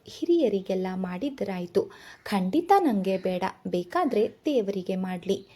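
A woman's voice: medium pitch, lively intonation, a little slow, mellow. A woman voicing a polite, modest young bridegroom in a novel reading, speaking in a restrained way. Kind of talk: storybook narration.

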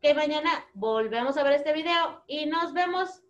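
Teacher, woman, high bright pitch, patient repeating delivery for small kids, dull lo-fi sound. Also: animated. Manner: slow, clear, repeating words for young children. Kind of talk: children's phonics lesson video.

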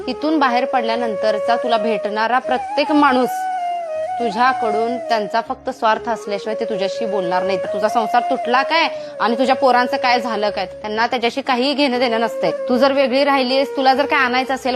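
A woman playing a calm elder sister-in-law who patiently persuades a younger woman to keep the family together. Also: high voice, close to an everyday voice. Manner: patient, persuasive, gently lecturing. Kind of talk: domestic skit monologue. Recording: music playing under voice. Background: background music.

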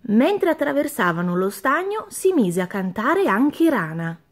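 A woman reading a children's picture book aloud with expressive, sing-song narration. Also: a little high, measured pace. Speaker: children's story reader.

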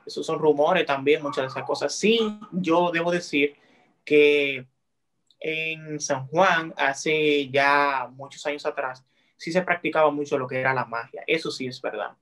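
Young Dominican male guest, friendly and easygoing, a touch high in pitch, heard through a video call. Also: a little slow. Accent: Dominican Spanish. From Dominican Republic. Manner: friendly, relaxed, chatty. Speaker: guest TikToker. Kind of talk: casual interview on a video call. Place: small room indoors.

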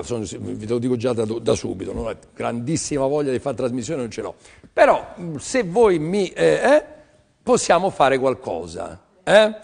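A man's voice: creaky, darkish tone. Chatty older man selling paintings on air. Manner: chatty, teasing, rambling salesman pitch. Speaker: TV art auction seller. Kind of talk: live sales patter.

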